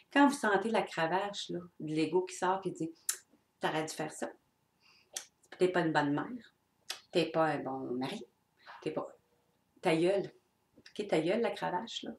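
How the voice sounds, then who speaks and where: A middle-aged woman with a Québécois accent giving an unscripted, blunt and earnest talk on personal growth to her viewers. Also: fairly low pitch. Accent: Québécois French. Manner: blunt and earnest, with swearing and mimicked voices. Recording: echoey room.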